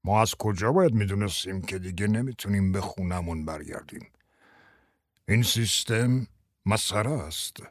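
Narrator voicing an elderly man, grieving, husky, deep-voiced, audiobook role. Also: no room sound, studio quality, natural voice. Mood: bitter. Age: older. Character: elderly grieving male survivor, bitter and weary. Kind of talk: audiobook character voice.

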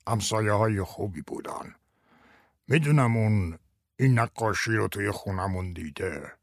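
A man's voice: deep voice, gravelly, slightly rough, no echo, studio quality, voice pushed down, full character voice. A man voicing an elderly, grieving male survivor in an audiobook, speaking in a bitter, weary, subdued way. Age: older. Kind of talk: audiobook character voice.

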